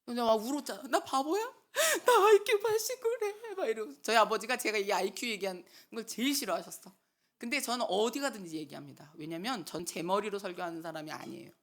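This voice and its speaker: A woman's voice: medium pitch, quick pace. A middle-aged woman preaching a sermon in a church, talking back and forth with the congregation and acting out quotes. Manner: animated, talks with the congregation and acts out quotes. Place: church hall.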